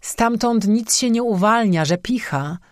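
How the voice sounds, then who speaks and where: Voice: medium pitch, expressive, measured pace, no echo, clean studio sound, pitched above the performer's own voice, natural voice. A narrator voicing a weary young man who mutters curt replies in an audiobook. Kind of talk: audiobook character voice.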